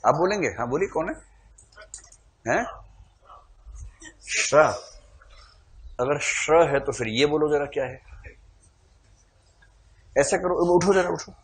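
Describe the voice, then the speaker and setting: A man's voice: a little high, animated, takes it slowly, long pauses. A man teaching a classroom lecture, quizzing his students, calling for shows of hands and teasing them playfully.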